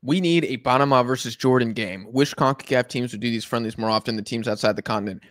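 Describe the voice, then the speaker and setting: A fast-talking American man, medium pitch and fairly bright in tone, hosts a casual football watch-along live from his couch. The studio-quality audio has no room sound, and he rambles easily while responding to chat as it comes in.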